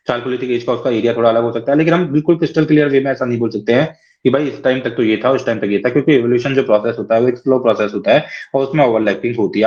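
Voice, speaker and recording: Fast-talking man lecturing in a dull recording. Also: medium pitch, a little mellow. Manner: explains step by step, often checking with "है ना" and "ठीक है". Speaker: teacher. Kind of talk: classroom lecture.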